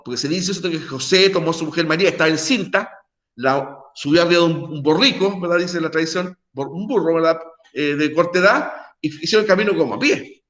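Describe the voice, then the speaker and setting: A man's voice: high voice, fairly bright tone. A middle-aged male teacher giving a conversational online class lecture, full of tag questions and restarts. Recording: echoey room.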